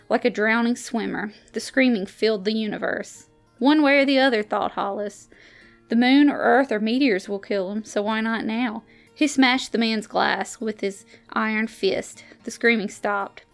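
Library reader, female, slightly high and gravelly, acts out dialogue, soft music under. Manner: lively character voices in dialogue, pitch rising for shouts. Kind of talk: reading a short story aloud.

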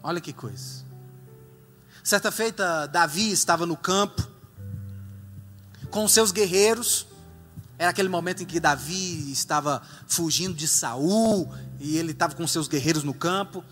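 A man preaching a sermon as a dramatic, animated storyteller in a church. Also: on the high side, measured pace, pauses often, in a large hall, soft background music.

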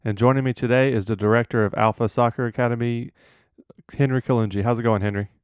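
Quick-talking young man hosting a podcast. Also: medium pitch, fairly even intonation, clear, resonant tone, no room sound, studio quality. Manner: eager, with stumbles and "uh". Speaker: podcast host, intern. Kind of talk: casual interview.

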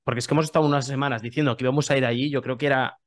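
A man's voice: mid-range voice, fairly even intonation, very fast. Chatty Spanish-speaking podcast co-host man. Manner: chatty, promotes the show with self-aware humor. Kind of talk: casual podcast chat.

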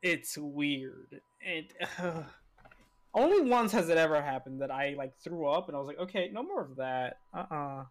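A man's voice: a little high, expressive, moderate pace. A young man in a casual group chat, rambling through stories.

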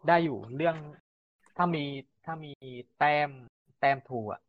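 Man, podcast co-host, mid-pitched, dull lo-fi sound, dry close mic, relaxed manner. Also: a little slow, no echo. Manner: relaxed, short backchannel replies. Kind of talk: casual film chat. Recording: dull lo-fi recording.

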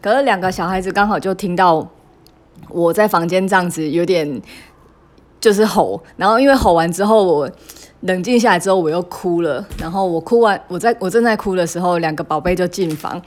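A woman in her thirties with a voice that sits a little low for a woman. She talks in a halting, confessional way, stopping and restarting, leaning on fillers as she recounts a heartfelt story about her children. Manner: emotional and confessional, with laughs. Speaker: mother sharing a parenting story. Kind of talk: candid personal storytelling.

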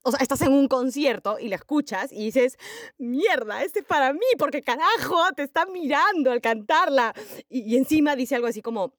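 A young woman playing an excitable fan who rambles, shrieks, swears and breaks into song in an audio story. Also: high voice, moderate pace, no echo, studio quality, close to an everyday voice. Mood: giddy fan rambling.

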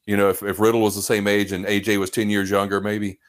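A man's voice: lowish voice, level tone, quick pace. A man co-hosting a podcast, chatting casually about wrestling in a laid-back, rambling way. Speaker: podcast co-host.

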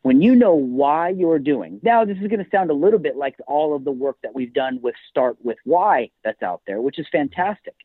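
A man's voice: on the high side, animated, moderate pace, hardly any pauses, slightly rough, no echo. Male author guest, emphatic storyteller, tinny phone-line sound, dry. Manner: storytelling, emphatic, motivational speaker. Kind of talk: podcast interview.

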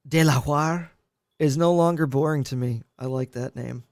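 A man's voice: medium pitch, a little fast, creaky, mellow, dry recording. A man co-hosting a casual podcast, offhand and dry, sometimes reading facts aloud. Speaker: podcast co-host. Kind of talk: casual chat.

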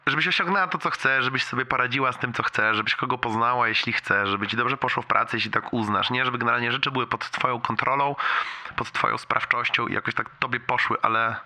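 A man's voice: mid-range voice, fast, pushed and bright. Man leaving a rambling voicemail. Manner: rambling, self-deprecating, with many restarts. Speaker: friend leaving a message.

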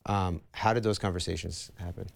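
A man hosts a sit-down interview with a very deep voice. He asks questions in a relaxed way, padding them with fillers. The recording is close and dry. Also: brisk, creaky, no echo. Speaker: interview host.

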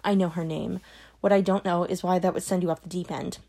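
A cold, controlling middle-aged mother speaks in a sharp, brittle way that sinks toward a hiss, as a woman reader puts her on. Her voice sits low and carries a gravelly fry. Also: steady tone, fairly quick. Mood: scolding. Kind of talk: audiobook character voice.

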